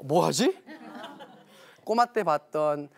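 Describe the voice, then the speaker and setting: A man's voice: a little high, expressive, slow pace, creaky. A man giving a televised lecture on parenting, telling stories animatedly and acting out quoted dialogue.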